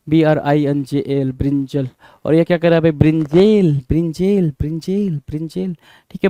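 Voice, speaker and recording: A man's voice: high-pitched, a little mellow, clean tone, no echo. Man spelling words out in a lesson. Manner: repeats and spells words letter by letter, asking rhetorical questions. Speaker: English vocabulary teacher.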